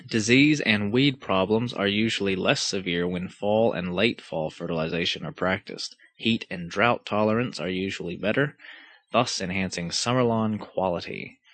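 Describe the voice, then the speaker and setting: A man reading aloud in a plain, steady delivery, with occasional small stumbles. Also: fairly low pitch, dry recording. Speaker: reader. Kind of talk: reading a story and a lawn-care text aloud.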